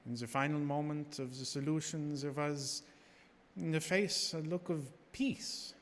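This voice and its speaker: A man's voice: fairly high pitch, steady tone, a little slow, slight background noise, close to an everyday voice. A man playing an impassioned, grave vampire hunter in gothic radio horror, speaking in an emphatic, formal, theatrical way. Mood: grave, solemn. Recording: echoey stage hall, long reverb.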